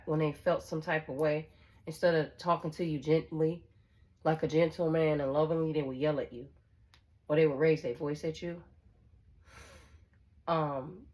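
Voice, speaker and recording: A woman's voice: sits low, darkish tone. A woman giving a casual tarot reading to her viewers. She is blunt, swears freely, repeats herself, and checks in with "okay?". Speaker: tarot reader.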